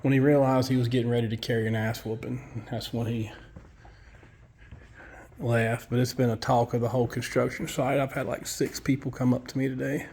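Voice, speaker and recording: A man's voice: medium pitch, little pitch movement, brisk, darkish tone. A man, a construction worker giving a casual walkthrough of a building site, blunt and profane as he tells his story.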